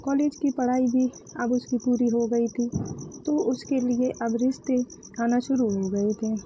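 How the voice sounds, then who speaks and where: A woman tells a moral story in calm, steady narration. Her voice is high and mellow, with faint background noise. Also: measured pace, lo-fi sound.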